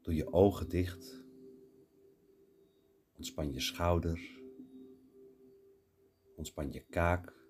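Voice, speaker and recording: A man guiding a mindfulness meditation, giving calm, unhurried breathing instructions with long pauses. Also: low voice, faint music behind. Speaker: meditation guide.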